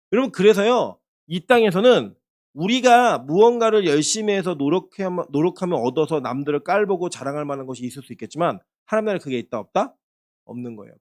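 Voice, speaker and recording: A male pastor giving a sermon in an animated, conversational way, asking the congregation rhetorical questions. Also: sits high.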